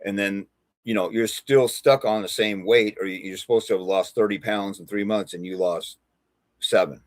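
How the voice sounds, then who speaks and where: Blunt, animated man in a dry room. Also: lowish voice, normal speed, no echo. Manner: blunt, animated, acts out courtroom exchanges. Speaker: fathers' rights advisor hosting a live stream. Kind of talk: casual live-stream talk.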